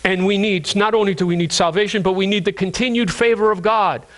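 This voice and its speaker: A man preaching with a high, ringing voice. He works up to fervent, pleading cries, then sinks into slow, quiet stretches, stumbling over and repeating words as he goes. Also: fairly even intonation. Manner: impassioned, rising to high cries then dropping low and slow. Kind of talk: sermon.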